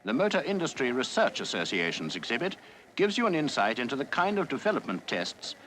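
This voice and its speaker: A man narrating an old newsreel, jaunty and chatty like a guide walking you round a show. His pitch rises and falls with lively swings, set in the middle of the range, with a faint hiss of noise underneath. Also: fairly quick, low-quality recording. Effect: old newsreel voice-over. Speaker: newsreel commentator. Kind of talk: 1948 newsreel commentary.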